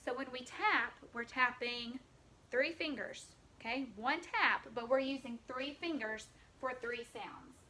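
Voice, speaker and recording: A woman's voice: on the high side, unhurried, bright, forceful tone, a little hiss or hum. A woman teaching a phonics lesson to young children, patiently stretching out the sounds of words.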